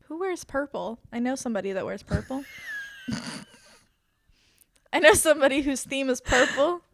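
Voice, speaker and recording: A woman's voice: high-pitched, animated, normal speed, gravelly. A young woman co-hosting a podcast in casual chat, talking freely with lots of fillers and giggles. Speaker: podcast co-host.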